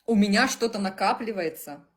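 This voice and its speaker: A woman's voice: mid-range voice, fairly quick, breathy edge. A woman in her thirties, a client on a video call, answering hesitantly and searching for words. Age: 30s. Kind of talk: casual conversation.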